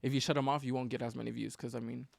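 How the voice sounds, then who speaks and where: A man's voice: medium pitch, racing, creaky, no room sound. A young man from California, a podcast guest telling stories in casual chat and acting out quotes. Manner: animated storytelling with acted-out quotes.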